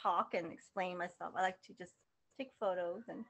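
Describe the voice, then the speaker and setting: A woman chatting as a podcast guest, talking in halting bursts full of restarts and fillers. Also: on the low side, fairly even intonation, fairly bright tone. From lives in the United States. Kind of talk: casual interview chat.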